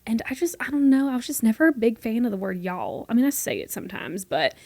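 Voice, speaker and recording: A slightly high, gravelly, darkish voice with lively intonation and no echo. It's a woman in her twenties from North Carolina hosting a casual solo podcast from her room, chatty, quick and playful, with a mostly neutral American accent that slips into a light Southern lilt at times.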